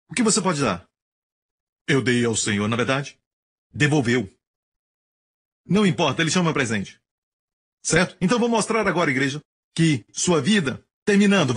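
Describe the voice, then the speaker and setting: A man preaching a sermon, emphatic and animated, acting out the quotes he tells. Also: fairly high pitch, slightly rough.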